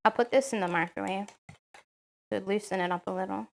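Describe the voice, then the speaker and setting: A woman's voice: mid-range voice, fairly even intonation, fairly quick, creaky, a little hiss or hum. A woman chatting casually on a live stream while she cooks at home, answering chat with lots of "um"s.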